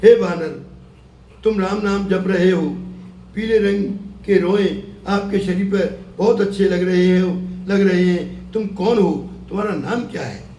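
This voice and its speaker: A man's voice: high-pitched, measured pace, mellow. A man voicing a boastful male warrior archer in a devotional tale, speaking in a challenging way. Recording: echoey room, mic far off, faint hum.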